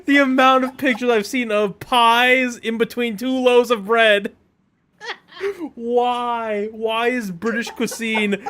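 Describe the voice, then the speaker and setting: A man streaming a video game, chatting casually with animated, joking mock outrage. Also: sits high.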